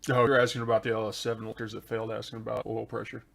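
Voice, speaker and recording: This live-stream host has a lowish, gravelly voice with a fairly bright tone, and he talks very fast in a monotone. Laid-back and chatty, he works through viewers' engine-tuning questions one after another. His desk microphone gets adjusted during the show.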